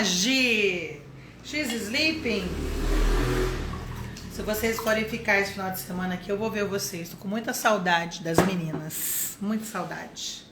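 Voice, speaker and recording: A Brazilian woman teaching English to adults in a live online lesson, chatty and explaining step by step, saying the English phrases slowly. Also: on the low side. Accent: Brazilian Portuguese. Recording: echoey room with faint noise.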